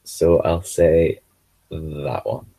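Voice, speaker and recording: A man co-hosting a casual podcast chat, playful with quick gasping reactions and laughs. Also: rumbling low, fairly even intonation, creaky, mellow, husky. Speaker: podcast co-host.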